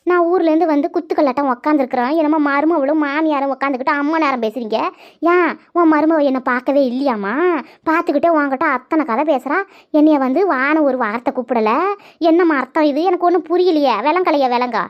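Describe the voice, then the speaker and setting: Woman doing a high-voiced cartoon sister-in-law who talks fast, always griping that nobody respects her, dull lo-fi sound. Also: natural voice. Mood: aggrieved. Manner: complaining, hurt and scolding. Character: indignant grown woman, sulky elder sister-in-law. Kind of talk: cartoon voice acting. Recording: dull lo-fi audio.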